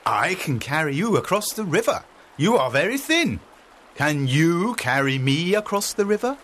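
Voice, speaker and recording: A man voicing a big, fat, jolly friar who is blunt and teasing, with a bold, booming delivery in a storybook reading. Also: sing-song, moderate pace, fairly bright tone.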